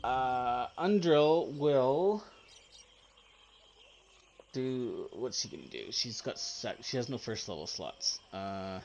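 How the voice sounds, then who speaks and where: A man narrating a tabletop game as dungeon master, hesitant and unhurried, often laughing. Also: mid-range voice, animated, a little mellow, a little hiss or hum.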